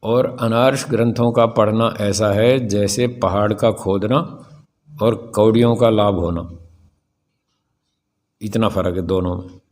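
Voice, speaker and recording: An older man giving a spiritual discourse, emphatic and rhetorical, slowing down to stress key phrases. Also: fairly low pitch, steady tone, darkish tone. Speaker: spiritual teacher. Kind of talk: spiritual discourse answering questions.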